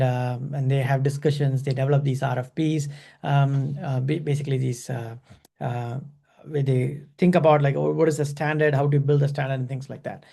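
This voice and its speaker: A man's voice: a little high, creaky, mellow. A man teaching a class over a video call, talking loosely with many fillers and restarts. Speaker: instructor. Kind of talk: online class lecture.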